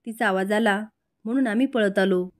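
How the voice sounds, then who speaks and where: A woman's voice: medium pitch, moderate pace, lightly acted. A woman voicing an exasperated middle-aged husband who scolds his quarrelsome wife. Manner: exasperated, reproachful.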